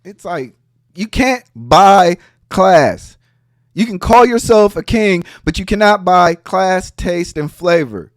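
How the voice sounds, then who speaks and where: High-voiced mocking man, dry close sound. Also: slow, no echo. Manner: animated, profane, mocking. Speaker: podcast host. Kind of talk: heated casual commentary.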